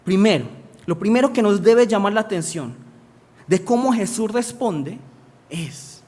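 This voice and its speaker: A man's voice: high-pitched, lively intonation, a little slow, a little mellow. A male preacher, giving a sermon and asking the congregation questions that he answers himself.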